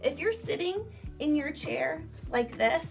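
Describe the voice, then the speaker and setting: Here a woman with a high-pitched, creaky voice speaks at a measured pace. She is an elementary school teacher delivering an emphatic, animated lesson to young children, peppering it with rhetorical questions, and the distant mic picks up music in the background.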